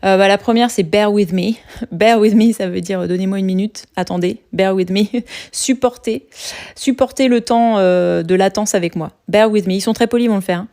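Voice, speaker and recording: A woman's voice: mid-range voice, brisk, mellow. A woman from France, speaking, chats casually on a podcast about living abroad, with lots of fillers and restarts. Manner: chatty, many fillers and restarts, laughs easily. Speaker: podcast guest sharing expat experience.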